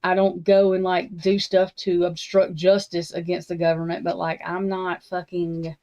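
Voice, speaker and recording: A woman with a lowish, darkish voice and flat delivery talks at normal speed as host of a true crime talk stream. Casual and rambling, she rants bluntly and profanely, restarting often and leaning on slangy Southern-tinged grammar. Sound quality is slightly dull and lo-fi.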